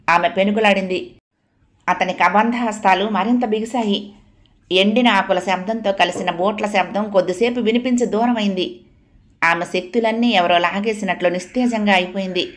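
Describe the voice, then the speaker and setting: A woman reading a novel aloud as dramatic, expressive audiobook narration. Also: mid-range voice.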